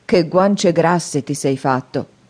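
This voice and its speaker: A woman reading an audiobook, voicing a menacing, hungry male convict who makes loud threats. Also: sits low, breathy edge, heavily acted. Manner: loud, threatening, drawn-out demands.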